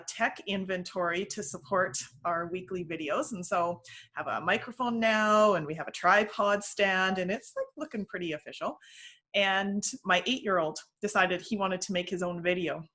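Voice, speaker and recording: A woman's voice: fairly low pitch, fairly bright tone. Friendly lady cohost just chatting away, casual, laughs easy. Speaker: co-host. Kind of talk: casual conversational chat.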